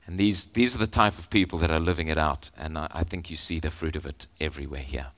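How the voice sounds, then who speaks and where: A man preaching a sermon as pastor, earnest and halting with frequent fillers, reading scripture aloud with slow emphasis. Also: very deep voice, fairly bright tone.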